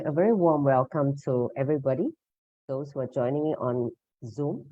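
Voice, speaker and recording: Her very deep, warm voice carries no room sound as she leads an online meditation session by video call. She teaches in a devotional, instructional manner, though the session audio comes through dull and muffled.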